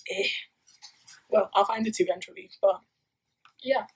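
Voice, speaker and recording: In a casual vlog filmed on a phone taped to her room's wall, a young adult Nigerian student rambles with plenty of fillers and corrections. Her voice is medium-pitched, unhurried, and slightly rough, and the recording itself is rough.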